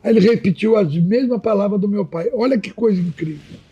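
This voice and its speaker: A man in his 80s from Minas Gerais, Brazil, talks a little fast in a high voice with a breathy edge, over dull audio. He's a guest on a podcast, casually and animatedly telling old stories and often saying the host's name.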